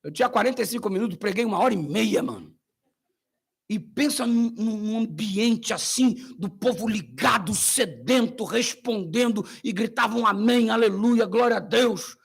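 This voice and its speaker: A Brazilian man, a pastor, preaching a sermon with animated storytelling, slang and acted-out voices. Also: high voice, moderate pace, gravelly, husky. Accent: Brazilian Portuguese.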